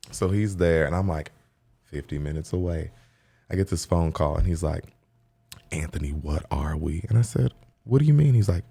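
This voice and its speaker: Low gravelly-voiced man telling stories. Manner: animated storytelling, acting out quotes, laughing often. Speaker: hairstylist and podcast co-host. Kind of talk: casual chat.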